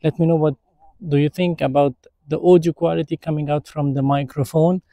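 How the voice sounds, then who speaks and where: A man's voice: a little high, steady tone, fairly quick, warm tone, dry recording. A man doing a casual product review vlog, explaining things straight to viewers, recorded on a clip-on wireless mic with its noise reduction switched on. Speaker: tech reviewer.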